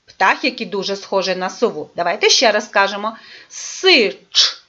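A woman's voice: mid-range voice, fairly bright tone. A woman teaching a lesson to young children, coaxing them along and drawing out her words. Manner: sing-song, coaxing, drawn-out words. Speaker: preschool teacher. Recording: dull lo-fi recording.

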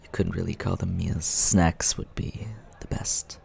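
Man playing Scaramouche, a deep, creaky, suave vampire. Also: little pitch movement, heavily acted. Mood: relaxed, explanatory. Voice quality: low, creaky, soft. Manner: unhurried, smooth-mannered, teasing. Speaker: ASMR roleplay performer. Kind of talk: soft ASMR roleplay, addressing the listener.

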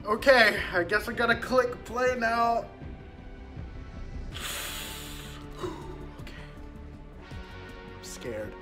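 A man's voice: extremely high pitch, fairly even intonation, takes it slowly, long pauses, over music. A man talking casually for a gaming vlog, nervous, self-conscious and giggly. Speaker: YouTuber.

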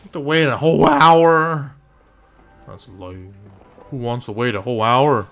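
Gravelly, drawling gamer guy. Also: medium pitch, a little slow, fairly bright tone. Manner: wisecracking, easily surprised. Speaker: gaming YouTuber. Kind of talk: casual let's-play commentary. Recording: voice over game music.

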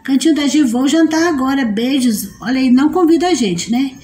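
A woman's voice: sits high, animated, fairly quick, darkish tone, a little hiss or hum. A woman hosting a casual live stream, reading out viewer comments, greeting people by name and teasing them playfully.

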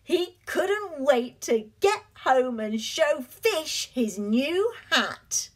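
A woman reads a children's picture book aloud at a very slow, unhurried pace. Her high voice rises and falls with every line, expressive and drawn-out for young listeners. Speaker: storyteller.

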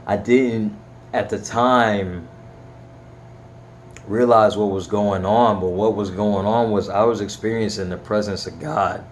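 A man's voice: lowish voice, a little hiss or hum. A young man earnestly telling his personal faith story in a heartfelt, rambling way, his voice cracking at times. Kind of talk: personal testimony vlog.

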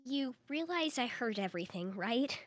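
A woman's voice: fairly high pitch, lively intonation, moderate pace, natural voice. A woman voicing a stubborn, indignant little sister in a game roleplay, whiny and bossy. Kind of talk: acted role in a Minecraft roleplay.

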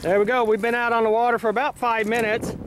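A man giving a relaxed, casual fishing how-to while out on a pontoon boat, filled with uhs. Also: very high-pitched, quick pace. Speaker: fishing vlogger. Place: pontoon boat on a windy lake, outdoors. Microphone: handheld camera mic. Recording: heavy wind and boat noise on mic.

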